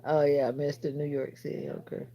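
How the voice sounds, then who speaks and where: A woman's voice: low voice, little pitch movement, moderate pace, gravelly, warm tone. A woman hosting a casual livestream from her phone, chatting straight to viewers and answering their comments with rambling asides. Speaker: livestream host.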